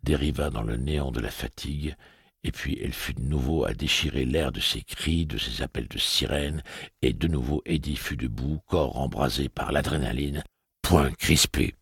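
A man reads a novel aloud in an extremely deep, gravelly voice with a husky, breathy grain. His delivery is steady and even. The recording is dry and close, with no room sound. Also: moderate pace, no echo. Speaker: audiobook narrator. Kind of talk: scripted narration.

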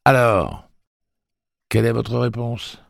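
A man's voice: medium pitch, animated, moderate pace, vocal fry, no room sound, pitched above the performer's own voice. A man doing a swaggering, foul-mouthed tough guy. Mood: menacing. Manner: swaggering, sneering threats.

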